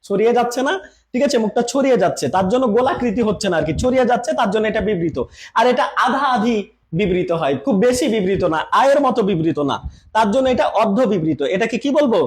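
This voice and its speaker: High-voiced man teaching in an echoey room. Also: animated. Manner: repeats sounds slowly and asks the viewer questions. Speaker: grammar teacher. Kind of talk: online lesson.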